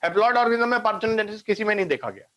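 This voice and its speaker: Rapid-fire and animated, a man with a high, slightly bright voice teaches biology online, laying things out step by step. He sprinkles in English scientific terms and checks often that students are keeping up.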